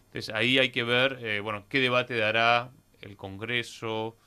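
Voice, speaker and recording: A man hosts a news interview in a conversational, probing way. His voice is bright and forceful and sits at an ordinary pitch. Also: steady tone, unhurried, clean tone. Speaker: interview host.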